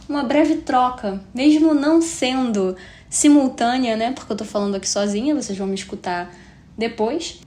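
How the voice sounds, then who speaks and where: A woman in her twenties from Rio de Janeiro, Brazil, hosts a solo podcast in a chatty, reflective way, using frequent tag questions. She has a Carioca Brazilian Portuguese accent and a high, slightly mellow voice. The recording has a roomy echo and faint hiss.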